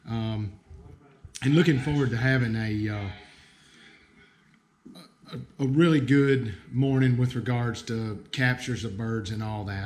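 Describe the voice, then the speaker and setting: A man with an Appalachian hillbilly accent hosting a livestream, explaining things casually in a folksy, somewhat hesitant way. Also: fairly low pitch. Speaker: livestream host. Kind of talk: casual live explanation to viewers.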